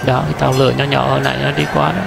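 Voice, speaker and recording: Gravelly man narrating a noisy walk-through. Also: medium pitch, little pitch movement, rapid-fire. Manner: chatty, addresses viewers directly, rambling with many fillers and restarts. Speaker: vlogger touring an indoor amusement park. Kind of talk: casual walking-tour commentary. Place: large indoor mall amusement park, noisy and busy.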